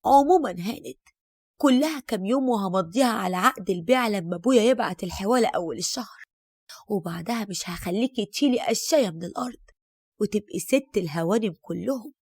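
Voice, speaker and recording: A scheming grown son with an Egyptian accent, as a woman narrator puts him on, speaking low and soothing as he plots. The voice stays gravelly and dry, close to the mic. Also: lively intonation, fast talker, a little mellow, no room sound. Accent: Egyptian Arabic. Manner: soothing, conspiratorial.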